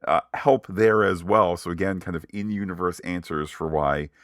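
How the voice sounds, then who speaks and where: A man's voice: sits low, steady tone, normal speed, a bit bright, no echo, clean studio sound. A man hosting a podcast, recapping an episode with playful, mock-sarcastic asides. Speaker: podcast host.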